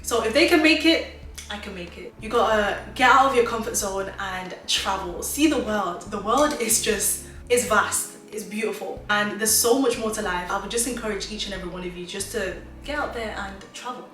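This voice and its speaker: A woman's voice: medium pitch, moderate pace, fairly bright tone, recorded from a distance. A woman in her twenties, originally from Zimbabwe, giving emphatic, motivational life advice straight to her viewers in a chatty vlog. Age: 20s. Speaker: vlogger. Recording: roomy echo, mic set back, faint music.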